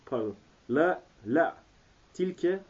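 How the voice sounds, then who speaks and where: A man reading aloud and translating as a student in a lesson, hesitant and halting, recorded on old worn cassette tape. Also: fairly high pitch, expressive, slightly rough, dull audio. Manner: hesitant, halting with filler sounds.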